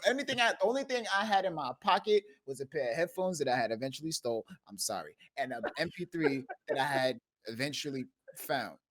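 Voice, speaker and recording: A man's voice: medium pitch, a little fast, hardly any pauses. A man from the Bronx telling stories in a casual live-stream group chat, acting out the quotes and laughing often over a voice call. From the Bronx, New York. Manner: animated storyteller who laughs often and acts out quotes. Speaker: streamer and discussion host.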